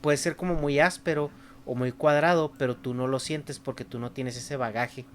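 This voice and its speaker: A man talking casually on a podcast, relaxed and joking. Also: mid-range voice, normal speed, slight background noise. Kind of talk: casual chat.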